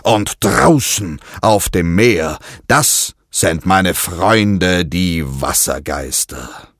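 A man voicing an ancient guardian spirit of an island, who speaks in a deep, slow and commanding way in a storybook. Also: expressive, fairly bright tone, dry recording, studio quality, heavily acted. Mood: solemn. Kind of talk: storybook narration.

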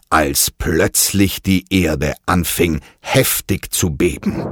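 Man, deep voice, lively melody, slow storybook reading. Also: slight background noise. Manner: expressive, leisurely storytelling. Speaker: narrator. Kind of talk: storybook narration.

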